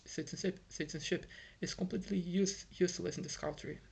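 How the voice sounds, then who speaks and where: A husky, high-pitched male voice with vocal fry moves at a quick pace and fairly even intonation. It belongs to a young Brazilian man, Portuguese his first language, ranting in English with a Brazilian accent in a casual vlog at home in Ireland, stumbling through fillers and restarts.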